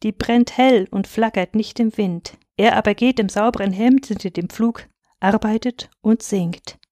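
A woman's voice: mid-range voice, mellow, no room sound, clean studio sound, close to an everyday voice. A woman reading aloud, voicing a timid male village elder who speaks hesitantly. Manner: hesitant, halting.

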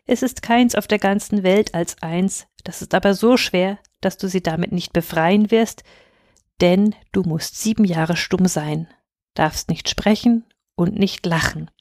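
A woman's voice: lowish voice, measured pace, a little mellow, no room sound, clean studio sound. A woman voicing a stern old woman of the forest in a fairy tale reading, grave and matter-of-fact.

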